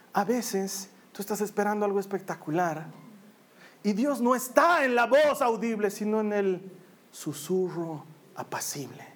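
Jokey priest preaching. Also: male voice, high-pitched. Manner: conversational, humorous storytelling. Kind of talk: sermon.

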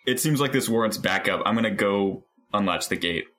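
A man's voice: fairly low pitch, brisk, a bit bright. A man playing a character in a tabletop game, eager and playful as he talks through his moves. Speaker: player. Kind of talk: casual game talk.

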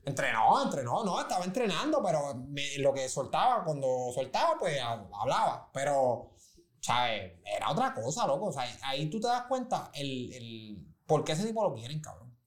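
A man's voice: mid-range voice, sing-song, moderate pace. Man, slangy studio chat. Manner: slangy, loose storytelling with frequent restarts. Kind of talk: casual chat. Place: recording studio.

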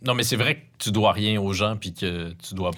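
A man's voice: fairly low pitch, moderate pace, a bit bright. A man hosting a podcast, interviewing a guest with polite, carefully chosen words. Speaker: podcast host.

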